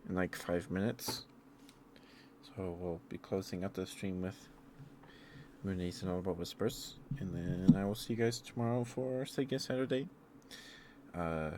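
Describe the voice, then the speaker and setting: A man chatting casually as the host of a live stream. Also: low voice. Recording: loud background noise.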